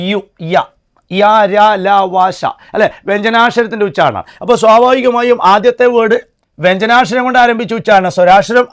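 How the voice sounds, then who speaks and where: A man with a high voice teaching a grammar class for exam students. He poses a question, then answers it himself, and repeats the key words. He slows down to sound out letters one by one. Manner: spells out letters and sounds slowly. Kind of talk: classroom-style grammar lesson.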